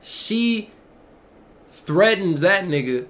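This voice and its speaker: Animated, swearing man telling a story. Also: drawn-out words. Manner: animated, profane and laughing; swings from low mutters to loud outbursts. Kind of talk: casual storytime.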